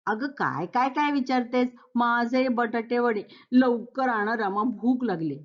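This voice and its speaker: A woman's voice: fairly high pitch, measured pace, dull audio, close to an everyday voice. A woman voicing an impatient hungry young husband. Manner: demanding, exasperated. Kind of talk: Marathi stage play reading.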